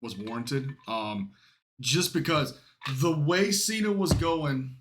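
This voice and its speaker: A man's voice: a little high, animated, slow, fairly bright tone. Blunt, swearing man in casual podcast talk. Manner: blunt, heavily profane. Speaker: wrestling podcast co-host. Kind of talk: casual opinionated chat.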